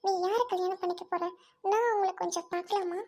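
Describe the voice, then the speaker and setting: Lady doing a soft hesitant young woman, high pitched, quiet and careful. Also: fairly even intonation, quick pace.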